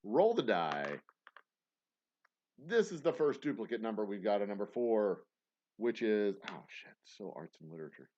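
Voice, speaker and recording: A man hosts a livestreamed trivia game night, reading questions in a lowish, darkish voice that's sing-song and moderately paced. His casual banter rambles with self-mocking jokes and restarts, and the audio is dull.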